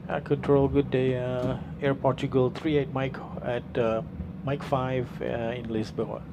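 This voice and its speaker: A man's voice: medium pitch, little pitch movement, unhurried, dull audio, background noise. A man flying as a virtual airline pilot, reading checklists and radio calls into a pilot's cockpit headset in clipped, matter-of-fact callouts.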